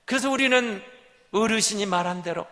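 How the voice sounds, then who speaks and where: A male pastor preaching a sermon, dramatic and swinging between whispers and loud exclamations. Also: sits high, normal speed, big-room sound. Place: church sanctuary.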